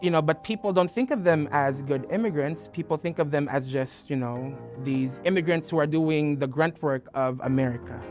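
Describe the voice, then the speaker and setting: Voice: medium pitch, normal speed, hardly any pauses. A speaker talking reflectively in a documentary interview. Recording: faint music behind voice.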